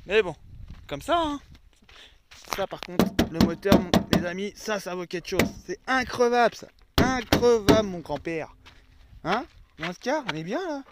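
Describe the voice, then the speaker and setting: A man's voice: high-pitched, lively intonation, moderate pace, heavy background noise. A man from France vlogging outdoors by a lake, chatting casually to his viewers and to his dogs. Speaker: van-life vlogger. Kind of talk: casual vlog chat.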